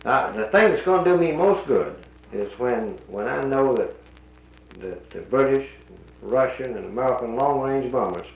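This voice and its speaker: A man's voice: medium pitch, expressive, moderate pace, vocal fry. A man from North Carolina, heard on an old 1941 archival recording, talking plainly and firmly about the war in casual conversation. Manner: plainspoken and firm, cites the radio news. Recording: muffled, roomy old recording with faint hiss.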